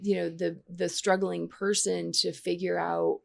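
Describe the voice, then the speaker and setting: Woman, very gravelly voice, podcast co-host, casual candid chat. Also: fairly low pitch, little pitch movement, a little slow. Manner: candid and conversational.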